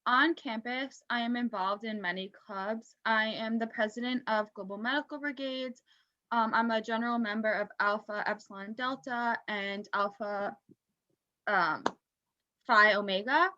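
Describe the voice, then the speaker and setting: Young female student, raised pitch, bright tone, simple self-introduction on dull call audio. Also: fairly even intonation, unhurried. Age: young adult. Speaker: student panelist. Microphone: video call.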